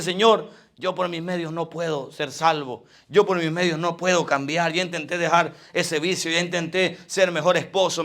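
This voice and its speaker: A man preaching a fervent sermon, rising loud for emphasis and dropping low for asides. His voice sits high and carries a gravelly edge. It has a bright, forceful ring.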